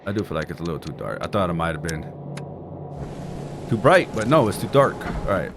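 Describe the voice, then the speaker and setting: A man's voice: sits low, big pitch swings, brisk, background noise. A man giving casual video game playthrough commentary with informal, jokey asides. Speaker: gaming streamer. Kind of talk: casual playthrough commentary, reading clues aloud.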